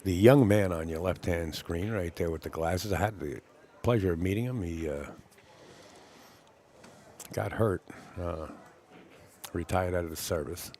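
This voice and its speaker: A man's voice: low-pitched, unhurried, long pauses, dark tone, slight background noise. A man hosting a live tournament stream with casual, chatty, folksy commentary.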